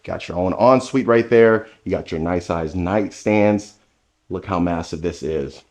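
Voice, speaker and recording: Speaking in a low, unhurried voice, a man narrates a walkthrough tour of a new model home. He addresses the viewer directly in an enthusiastic, salesy tone while carrying a handheld camera from room to room.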